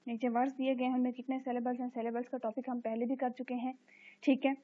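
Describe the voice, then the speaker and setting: A woman teacher walks through an exercise in a recorded lecture. She reads each English sentence slowly in a fairly high voice and keeps saying "okay" as she explains. The sound is thin and tinny, like a phone line. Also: level tone. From Pakistan.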